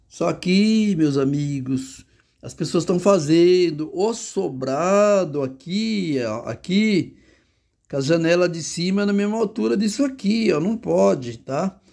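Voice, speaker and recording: Gravelly-voiced Brazilian man teaching drawing. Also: high voice, expressive, measured pace, darkish tone. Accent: Brazilian Portuguese. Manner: chatty, talks to himself while drawing. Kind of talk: casual drawing lesson. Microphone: handheld phone.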